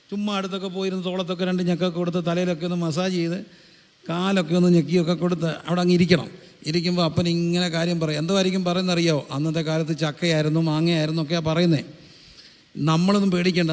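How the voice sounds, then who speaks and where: Man, pastor, high voice, call-and-response sermon, long echo of a hall. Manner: preaching with call-and-response questions to the congregation.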